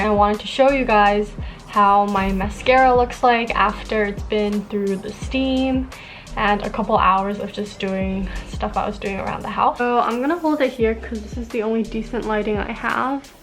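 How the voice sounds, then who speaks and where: Speaking in a mid-range voice, this young woman from Taiwan is a beauty vlogger talking casually to a nearby camera from a small bedroom. She sounds upbeat and uses lots of filler words.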